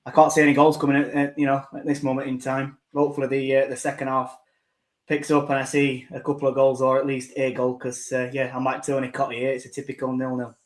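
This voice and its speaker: A man with a Geordie accent gives an unhurried report on a quiet match. His voice stays flat, and the sound is echoey, as if from a roomy space. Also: mid-range voice. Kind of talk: live match update.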